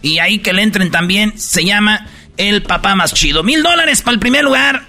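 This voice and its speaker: A man hosting a joking radio show, telling slangy stories and pitching a contest in a loud promo style. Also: lively intonation, soft background music. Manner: rapid slangy storytelling, loud promo delivery.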